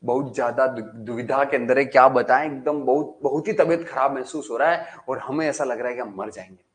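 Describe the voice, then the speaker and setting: A man's voice: mid-range voice, a little fast, lightly acted. A man voicing a frightened, complaining electrical insulator in a classroom story. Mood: moaning. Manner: moaning and complaining, later shouting threats. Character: frightened, then defiant, talking electrical insulator.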